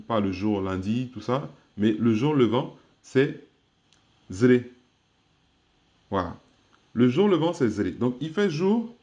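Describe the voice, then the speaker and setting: A man teaching an online language lesson, patient, repeating each word slowly with careful tones. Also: mid-range voice, a little mellow. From Côte d'Ivoire.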